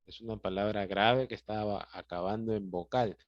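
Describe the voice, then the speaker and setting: Male teacher, Peruvian Spanish accent, deep voice, unhurried, patient; dry, dull recording. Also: steady tone, no room sound. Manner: patient, explanatory, checks in with "¿ya?" and "¿sí?". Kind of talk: classroom lesson explaining grammar.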